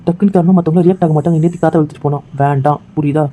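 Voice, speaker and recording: A man plays a firm young man in an amateur audio drama who insists on and repeats his orders. He talks fast, in a dark, flat voice pitched a little high for a man. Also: a little hiss or hum, close to an everyday voice, low-quality recording. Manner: insistent, commanding, repetitive. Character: firm, protective young man, bitter and controlling.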